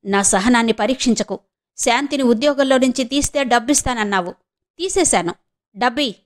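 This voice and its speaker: A woman voicing an angry, threatening middle-aged husband in an audiobook, menacing and shouting through clenched teeth. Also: a little high, animated, normal speed, lightly acted. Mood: furious. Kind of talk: audiobook character reading.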